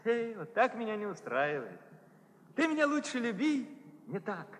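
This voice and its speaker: A lovelorn Cossack bachelor sailor, wistful and stagey. The voice is high and moves freely up and down, in a reverberant hall with faint noise. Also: male voice, big pitch swings, moderate pace. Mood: wistful, pleading. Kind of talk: theatrical stage musical comedy acting.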